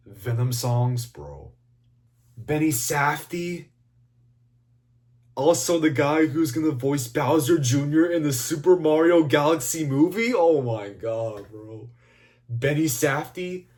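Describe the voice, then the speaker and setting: A man rambling through a casual, profanity-laced movie review, swinging between excited and mumbling. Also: medium pitch. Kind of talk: casual video commentary.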